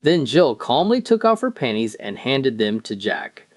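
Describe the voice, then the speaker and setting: A man tells scripted jokes in an animated storytelling style, acting out the dialogue. His pitch moves around a lot, and the sound is dry and close with little room on it. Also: unhurried, dry recording. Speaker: joke teller. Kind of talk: scripted joke narration.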